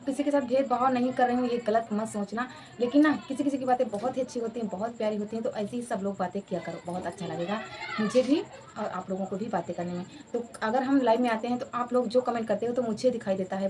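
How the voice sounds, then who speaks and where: A woman's voice: fairly high pitch, darkish tone, slight background noise. A woman in her thirties chatting casually in a home vlog, repeating herself and laughing often. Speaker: vlogger.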